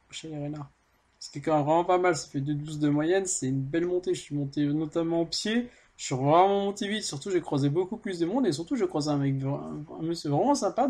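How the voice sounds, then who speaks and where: A man's voice: a little high, darkish tone. A middle-aged man from Auvergne vlogging casually about a bike ride, blunt and swearing as he talks, with a heavy cold. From Auvergne, France. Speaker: cycling vlogger. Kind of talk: casual vlog narration.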